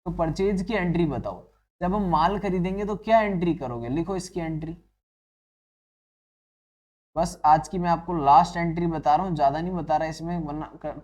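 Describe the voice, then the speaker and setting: With a slightly high, slightly mellow voice, a man lectures on accounting as though before a class. He speaks to his students as children, asks and answers his own questions, and uses English terms here and there.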